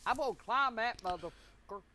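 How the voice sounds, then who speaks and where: A man's voice: animated, fairly quick, sharp tone, full character voice. A man voicing a foul-mouthed, defiant eighty-year-old grandmother in a comedy skit. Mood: defiant ranting. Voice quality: shrill cursing old-lady falsetto. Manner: profane, defiant, ranting.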